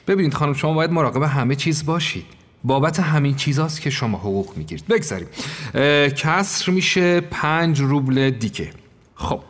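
A man's voice: medium pitch, natural voice. A man playing a stingy, pedantic employer who lectures and counts out money aloud. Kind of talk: audio drama acting. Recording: long reverb.

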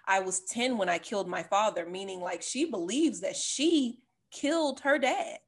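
A woman's voice: mid-range voice, lively intonation, moderate pace, husky. A woman co-hosting a casual film discussion, reflective and asking the others questions. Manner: reflective, asks the group questions. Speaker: podcast co-host.

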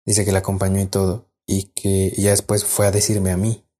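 Mexican guy rambling through a creepy story on a podcast, low warm voice. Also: monotone, normal speed, breathy edge. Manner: rambling with many fillers and restarts. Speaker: podcast co-host. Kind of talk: casual storytelling.

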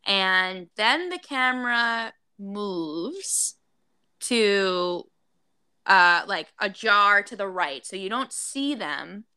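Chatty gossip co-host, woman, bright and smooth, dry close sound. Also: mid-range voice, animated, very slow, dry recording. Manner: chatty, recounting with many fillers. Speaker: podcast co-host. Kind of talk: casual gossip chat.

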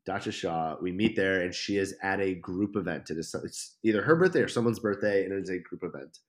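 This young adult podcast guest talks fast in a low-pitched voice, relaying a story in a casual, animated way, cursing and voicing the people he quotes.

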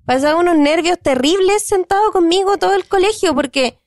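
A young Chilean woman co-hosting a podcast in loud, playful casual chat full of swearing. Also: very high-pitched, fairly quick, dry recording, studio quality. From northern Chile. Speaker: podcast co-host.

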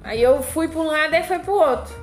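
A woman's voice: high-pitched, a little fast, roomy sound, faint music behind. A woman, co-hosting a casual chat and telling a personal story with lots of drama.

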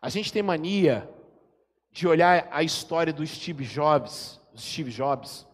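Preaching man with a high voice. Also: lively intonation, takes it slowly. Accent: Brazilian Portuguese, Espírito Santo. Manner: preaching with shouted peaks and quiet asides. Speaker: pastor. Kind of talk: sermon. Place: church hall. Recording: long church hall reverb.

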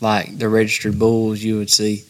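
A man's voice: lowish voice, completely flat delivery, normal speed. A man with a Southern US accent, talking in an easygoing drawl on a casual podcast. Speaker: podcast co-host. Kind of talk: casual chat.

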